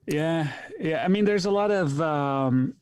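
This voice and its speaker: A man's voice: on the high side, a little slow, a little mellow, clear, resonant tone, no echo. Guy from egypt on a video call, dry close sound, lots of ums, thinks as he talks. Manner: thoughtful, hesitant, lots of ums. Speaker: actor and podcast guest. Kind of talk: casual interview chat.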